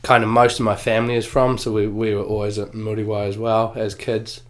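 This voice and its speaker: A man in his forties with a New Zealand accent, a guest in a casual interview, talking in a relaxed, slangy way with lots of fillers. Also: fairly low pitch, brisk. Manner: laid-back slangy, many fillers and swearing. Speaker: guest snowboarder.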